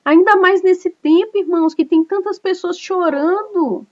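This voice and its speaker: Woman pastor, high voice, earnest conversational sermon, dull lo-fi online audio. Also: measured pace. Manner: earnest, conversational preaching with frequent tag questions. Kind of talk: online cell group sermon. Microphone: online video call.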